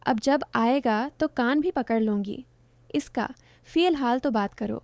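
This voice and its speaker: A woman's voice: fairly high pitch, a little mellow, no echo, close to an everyday voice. A woman voicing the playful, teasing young friend of a fiancée in a narrated story.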